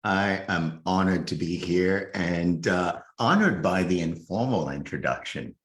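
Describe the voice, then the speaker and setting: A man from Haiti, a coach invited as a guest, telling a childhood story in a slow, reflective way with restarts. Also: low voice, reverberant. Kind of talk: conversational storytelling.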